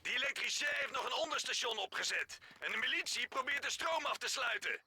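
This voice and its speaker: Very high, bright game ally. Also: male voice, animated, fast, a little hiss or hum, exaggerated voice. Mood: urgent. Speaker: game character. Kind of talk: dubbed video game dialogue.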